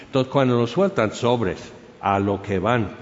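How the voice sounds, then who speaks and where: Preacher telling a story, hall echo. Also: male voice, mid-range voice, measured pace. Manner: animated storytelling, many fillers, acts out crowd cries. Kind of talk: sermon storytelling. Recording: dull sound in a reverberant hall.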